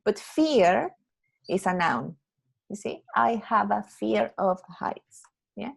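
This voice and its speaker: Woman, English teacher on a video call, mid-pitched and gravelly, patient and repetitive, checks understanding often. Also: expressive, low-quality recording. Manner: patient, explains slowly, checks understanding with "yeah?". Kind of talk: online English lesson.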